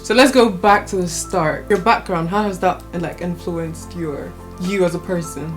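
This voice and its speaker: A woman's voice: lowish voice, moderate pace. A woman hosting a casual interview, asking questions and backing her guest up with short, encouraging affirmations. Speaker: host, interviewer. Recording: music clearly behind voice.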